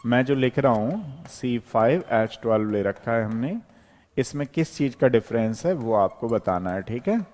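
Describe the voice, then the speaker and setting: A man teaching chemistry at the board, talking his students through each step while he writes. His voice sits in a middling pitch. A long hall-like reverb trails after his words. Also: expressive, normal speed, a little mellow. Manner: explains step by step while writing, with frequent checks like "okay".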